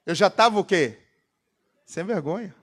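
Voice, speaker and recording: A Brazilian pastor preaching a sermon to a congregation, throwing out rhetorical questions for the crowd to answer. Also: male voice, high-pitched, expressive, a little slow. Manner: rhetorical call-and-response questions. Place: church congregation.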